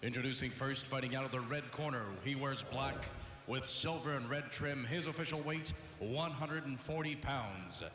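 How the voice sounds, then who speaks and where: A man working as a boxing ring announcer, formally introducing fighters in a measured, declamatory way over an arena PA. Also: mid-range voice, bright, forceful tone. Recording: echoey arena PA with long reverb.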